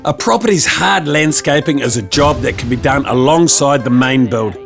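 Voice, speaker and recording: A man's voice: medium pitch, normal speed, gravelly. A man reading scripted narration for a home renovation programme. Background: guitar music.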